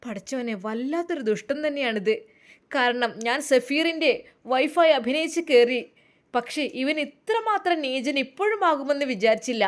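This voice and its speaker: A woman's voice: high-pitched, animated, normal speed. A woman voicing a young wife's indignant, muttered inner thoughts. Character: young wife, angry and disgusted, seeking revenge.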